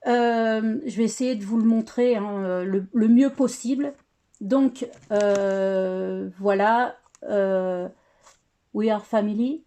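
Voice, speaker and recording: A woman's voice: medium pitch, takes it slowly, mellow. A woman casually presenting a scrapbooking album, chatty and hesitant, with many fillers and restarts. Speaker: scrapbooking crafter showing her work. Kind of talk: casual craft tutorial.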